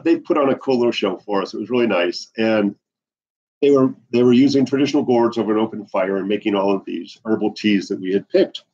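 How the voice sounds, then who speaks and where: A middle-aged man from the Bahamas lectures an herbalism class with animated, restless energy. His voice is a bit husky and sits mid-range. It comes through a floor camera in a classroom, with dull, lo-fi sound. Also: mid-range voice. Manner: animated, gesturing a lot while pacing. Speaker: herbalism teacher. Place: indoor classroom with whiteboard. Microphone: far camera on the floor.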